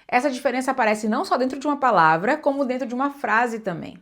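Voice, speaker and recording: A young Brazilian woman with a slightly high voice teaches English pronunciation in a relaxed, conversational way. She talks loosely, restarts her sentences and breaks into sample English words as she explains. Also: fast talker. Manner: chatty, self-correcting, demonstrates English words. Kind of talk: casual explanatory lesson.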